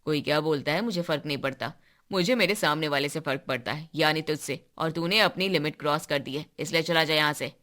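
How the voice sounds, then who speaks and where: Woman voicing a sulky teenage boy. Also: a bit bright. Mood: angry. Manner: low and sulky, quick to snap. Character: teenage boy, proud, touchy about home.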